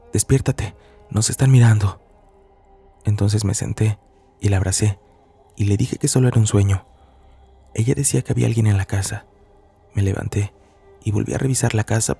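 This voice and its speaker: A man narrates a scripted horror story in a dark, husky voice with a gravelly edge. His delivery is measured and somber. Faint music plays underneath. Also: lowish voice.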